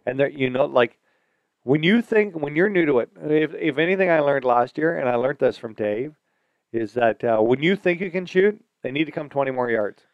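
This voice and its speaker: A man's voice: a little high, lively intonation, normal speed, no room sound, dull audio. A Canadian man chatting casually as a podcast co-host, with an eager, slangy, bro-like way of talking. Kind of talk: casual hunting chat.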